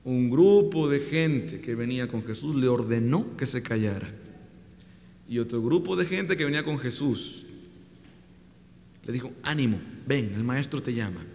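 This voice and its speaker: A man's voice: mid-range voice, unhurried, vocal fry, pauses often, slight background noise. A man preaching a humorous sermon, retelling a story with playful acted-out voices. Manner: animated, jokey, acts out voices in the story. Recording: long hall reverb.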